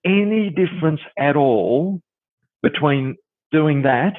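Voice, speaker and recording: A male dentist on a podcast interview, telling lively stories and acting out bits of dialogue, with lots of "you know"s. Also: on the high side, slow, no echo. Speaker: dentist and dental coach. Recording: tinny phone-like line.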